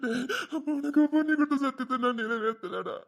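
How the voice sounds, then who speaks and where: A man's voice: very high voice, lively intonation, moderate pace, gravelly, exaggerated voice. An actor with a Tirunelveli accent playing a grieving retired soldier who cries and pleads for forgiveness from his dead friend. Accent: Tirunelveli Tamil. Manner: sobbing, pleading apologies. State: crying. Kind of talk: web series drama acting.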